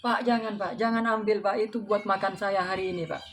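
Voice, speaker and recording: A man's voice: high voice, fairly even intonation, brisk, a bit bright, a little hiss or hum. A man voicing a poor male servant who meekly begs an official, repeating "sir" in a pleading way.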